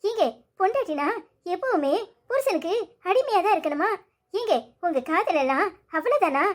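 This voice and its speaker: A hurt, pleading young wife in a cartoon story, voiced by a woman. She sits very high and thin in pitch and keeps pressing her husband with reproachful questions. Her tone stays wounded and insistent. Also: animated, moderate pace.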